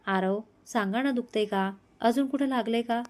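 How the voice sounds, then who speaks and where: A woman reading a young wife from a romantic storybook, anxious and playful by turns, pleading and bantering. The voice sits fairly high and stays close to the reader's own. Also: moderate pace, a little mellow, natural voice. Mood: worried.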